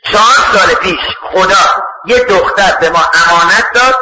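Wise patient wife in a sermon story, as a male preacher puts her on, high bright voice, persuasive. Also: roomy sound, highs cut off.

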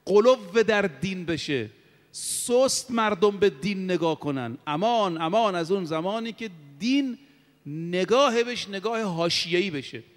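High-voiced preacher in an echoing hall. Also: male voice. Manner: preaching, drawn-out chanted Arabic quotations. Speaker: cleric preacher. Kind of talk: sermon. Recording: long hall reverb.

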